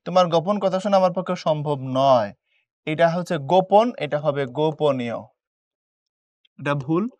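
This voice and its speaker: A man's voice: on the high side, unhurried, pauses often, darkish tone, dry recording. A man teaching a Bengali grammar lesson with a Bangladeshi accent. He explains step by step, often checks whether the students follow, and mixes in English words. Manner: explains step by step, asks "বুঝছো?". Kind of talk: admission test coaching lesson.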